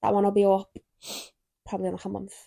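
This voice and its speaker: A woman's voice: mid-range voice, completely flat delivery, fast talker, creaky, mellow, no room sound. A young woman hosting a spooky stories podcast, chatting casually and reading stories aloud with giggly asides. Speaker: podcast host.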